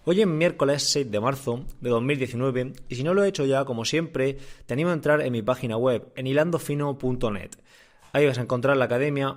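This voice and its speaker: A man speaking casually as a podcast host and coach, explaining things and often rephrasing as he goes. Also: mid-range voice. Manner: conversational, often repeats and rephrases. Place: room indoors. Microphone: condenser microphone.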